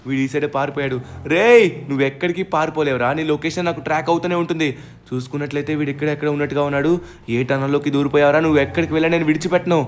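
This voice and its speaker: Fast excitable male game narrator. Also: fairly high pitch, a little hiss or hum. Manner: excitable, exclaiming, threatening foes dramatically. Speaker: gaming channel narrator and player. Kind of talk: excited gameplay storytelling.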